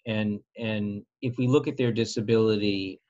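A man's voice: fairly low pitch, steady tone, a little mellow. Earnest man, slightly dull recording. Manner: earnest, measured, repeats opening words. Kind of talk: conversational interview.

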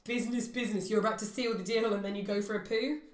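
A woman's voice: medium pitch, steady tone, quick pace. Teasing woman, echoey room. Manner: teasing, laughs often. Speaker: podcast co-host, wine brand ambassador. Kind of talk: casual chat.

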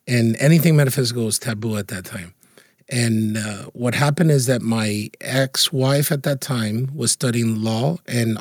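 A man with a husky voice, a guest in an interview, telling anecdotes in a lively, casual way with frequent laughs. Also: medium pitch, no room sound, clean studio sound. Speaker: interview guest, feng shui consultant.

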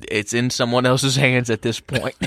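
A man's voice: medium pitch, fairly bright tone. A young man, chatting casually as a podcast co-host, telling stories in a laid-back way and laughing often. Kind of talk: casual chat.

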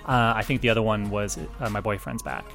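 A man co-hosting a music podcast, reading chart news with wry, animated delivery. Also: lowish voice, a little fast. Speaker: podcast co-host.

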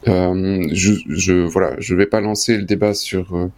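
A man's voice: deep voice, fairly even intonation, measured pace, darkish tone. A man, co-hosting a casual podcast chat and rambling along with lots of slang and fillers. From Belgium. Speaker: co-host.

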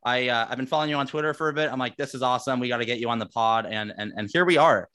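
A man's voice: mid-range voice, rapid-fire, bright, forceful tone, clear, resonant tone. A man hosting a podcast who asks rambling questions, stumbling and repeating words. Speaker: podcast host. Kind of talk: casual podcast interview.

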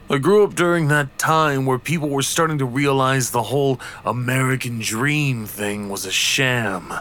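A man playing a haunted, reclusive artist who slowly confesses his childhood paranoia in a hushed, brooding horror-story reading. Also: medium pitch, a little hiss or hum. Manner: slow, hushed, brooding narration.

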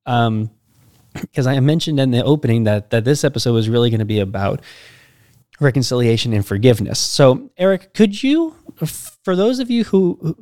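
A man hosting a church podcast interview, upbeat and a little halting, with fillers and restarts. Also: medium pitch, warm tone, no room sound, studio quality. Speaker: podcast host.

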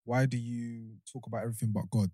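A man's voice: mid-range voice, fairly even intonation, quick pace, warm tone, no room sound, clean studio sound. A young man with a London accent, chatting casually as a podcast co-host, slangy and often repeating his phrases. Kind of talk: casual chat.

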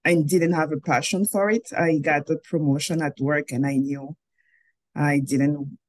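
With no echo in the sound, this filmmaker guest, a Cameroonian woman in her forties, speaks in a low, steady voice at a slightly slow pace. She responds to interview questions over a video call, reflective and prone to rephrasing mid-sentence.

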